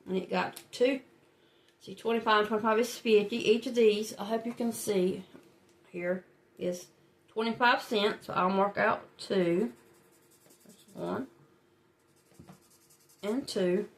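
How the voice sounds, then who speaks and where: This woman takes it slowly, with medium pitch, fairly even intonation, and long pauses. Hosting a budgeting channel with a head-cold stuffy nose, she chats to viewers and laughs a little while filling in her savings challenges.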